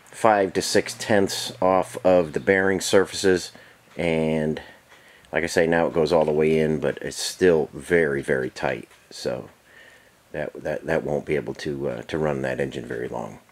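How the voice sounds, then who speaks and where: A man casually explaining engine work in a home garage, matter-of-fact with many fillers, heard from an off-screen camera mic. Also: low-pitched. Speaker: engine builder. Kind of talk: casual workshop demonstration.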